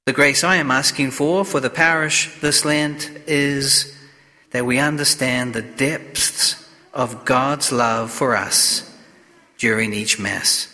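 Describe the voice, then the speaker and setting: Inside a church, long cathedral-like reverberation surrounds a man giving a sermon and reading scripture at Mass. His medium-pitched voice sounds bright and forceful as he speaks slowly, with solemn, deliberate, measured phrasing.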